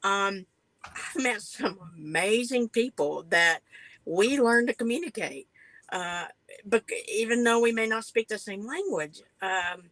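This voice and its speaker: A woman's voice: mid-range voice, expressive, measured pace, a bit bright, no echo, rough recording. A woman with an Appalachian accent talking casually and earnestly on a panel, in a folksy way that repeats words for emphasis.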